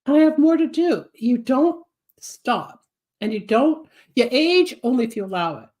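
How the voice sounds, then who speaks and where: A woman in her seventies with a high-sitting, expressive, dark-toned voice speaks at a measured pace as she hosts a solo live psychic advice show. She rambles chattily from topic to topic, gives advice, and reads out viewer comments, sounding congested and coughing while recovering from a cold.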